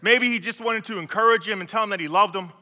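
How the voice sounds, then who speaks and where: A man's voice: high voice, quick pace, pushed and bright, long reverb tail. A male pastor preaching a sermon in a conversational way, retelling scripture scenes with frequent restarts. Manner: conversational, acts out biblical scenes, many restarts.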